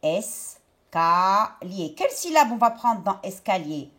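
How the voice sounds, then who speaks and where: A woman teacher talking young pupils through a worksheet step by step, stretching out each word slowly. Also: fairly high pitch, lively intonation. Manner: slow, step-by-step, drawn-out words for young pupils. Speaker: primary school teacher. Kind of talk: remote lesson explaining a worksheet.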